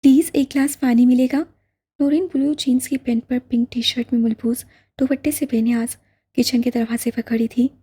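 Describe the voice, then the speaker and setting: A woman reading a novel aloud in calm, even scripted narration. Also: on the high side, a little fast, breathy edge. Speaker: audiobook narrator.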